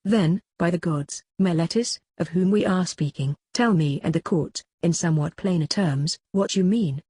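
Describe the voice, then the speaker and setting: A reader voicing an aged philosopher on trial, cross-examining his accuser in a measured, questioning way in a dramatic reading. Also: mid-range voice, mellow, slightly rough, dry recording, natural voice. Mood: probing. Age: older. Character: aged male philosopher on trial, probing, ironic. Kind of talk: dramatic reading of a classical dialogue.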